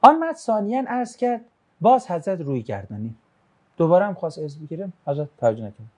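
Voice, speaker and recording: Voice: medium pitch, big pitch swings, a little mellow. Joking, conversational religious class teacher. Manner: casual, joking, reads student questions aloud then answers; shifts into storytelling when recounting a religious tradition.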